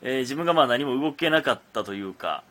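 A man's voice: mid-range voice, fast talker. A young man with a Kansai accent hosting a casual solo radio talk, rambling and full of fillers. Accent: Kansai Japanese. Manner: rambling, many fillers, animated. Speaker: radio talk host, comedian.

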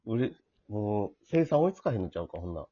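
A man's voice: fairly low pitch, sing-song, brisk, warm tone, breathy edge, muffled recording. A man with an Osaka-area Kansai accent chatting casually as a radio talk co-host. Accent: Osaka-area Kansai Japanese. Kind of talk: casual two-person banter.

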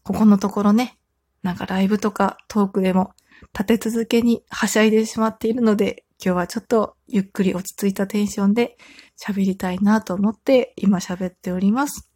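A woman in her thirties hosting a solo talk show, chatting in a calm, relaxed way and telling everyday stories. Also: mid-range voice, a little fast, breathy edge, no echo, studio quality. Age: 30s. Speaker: podcast host.

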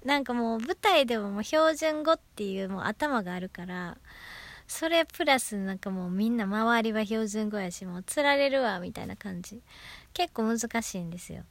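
A woman from Osaka, Japan, with a Kansai accent chats alone on her radio talk show, laughing at herself. Her mid-range voice moves at a moderate pace, with no room sound.

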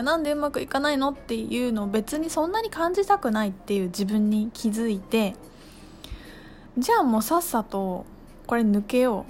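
Woman, casual spiritual monologue, lively and expressive, a bit high, soft music under. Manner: animated, acts out her own outbursts and shouts.

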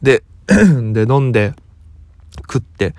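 A young comedian from Okinawa, just woken up, telling a rambling story in a relaxed solo talk. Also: male voice, medium pitch, slow, dry recording, studio quality. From Okinawa, Japan. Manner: relaxed rambling storytelling, quoting others as he goes. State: just woken up, voice lower than usual.

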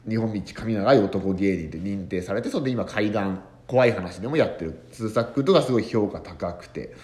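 A man's voice: on the low side, expressive, fairly quick, a little mellow. A man hosting a casual solo podcast, telling a rambling story with many fillers. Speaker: podcast host, comedian and tanka poet.

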